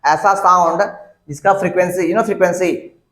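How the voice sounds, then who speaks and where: A high-voiced man teaches in a classroom, repeating key words for students to copy down and often checking that they follow. The sound bounces around the room. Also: fairly even intonation, normal speed, fairly bright tone. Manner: repeats and dictates terms to students, asks them questions. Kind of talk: classroom lecture. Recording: echoey classroom.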